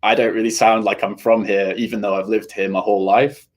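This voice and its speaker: A man's voice: fairly low pitch, level tone, a little fast. A young man from England, a university student, talking casually to viewers in a chatty, rambling way full of "I mean" and "you know" asides. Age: young adult.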